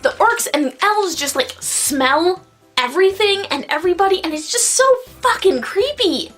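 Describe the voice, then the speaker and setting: A woman's voice: extremely high pitch, lively intonation, moderate pace, fairly bright tone, faint music behind. A tipsy woman vlogger giving a casual, sweary review in a rambling, exclamatory way, stretching out stressed words. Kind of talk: casual, profane video review.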